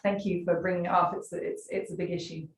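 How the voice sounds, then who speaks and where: A woman's voice: lowish voice, level tone, fast talker. A woman speaking as a guest in a discussion, fluent and emphatic. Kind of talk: conversational discussion. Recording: echoey distant mic with faint noise.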